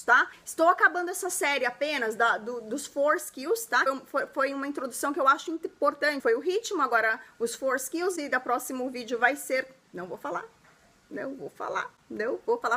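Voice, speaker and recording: A woman teaches in a chatty, encouraging video lesson to camera. Her voice sits high and sounds bright and crisp. She keeps checking in with her audience through short tag questions. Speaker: English teacher and channel host.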